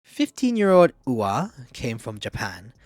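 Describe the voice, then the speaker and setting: A man's voice: mid-range voice, huge pitch swings, a little slow, a little mellow, faint music behind. A man giving casual, candid opinion commentary in a chatty way, often hedging with "like" and "I don't know". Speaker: video essayist.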